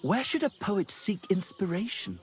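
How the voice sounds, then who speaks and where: A haughty troubadour poet, all flowery airs and contempt for boors. The voice sits fairly high and swoops about with showy lilt, like a stage scold in a game cutscene. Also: male voice, expressive, moderate pace. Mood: lofty. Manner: pompous, theatrical, scornful. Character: pompous lovesick male troubadour poet, scornful of boors. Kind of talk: video game cutscene acting.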